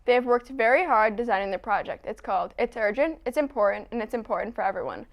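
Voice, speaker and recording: A woman's voice: a little high, quick pace. A woman reading scripted school announcements as the presenter.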